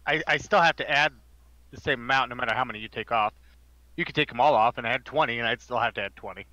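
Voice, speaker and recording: A man's voice: medium pitch, fast, bright, forceful tone, dry recording. A man playing a farming game with friends, chatting casually and ribbing them in a dry, matter-of-fact way. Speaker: co-player on a stream. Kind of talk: casual gaming chat. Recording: dull lo-fi mic with faint noise.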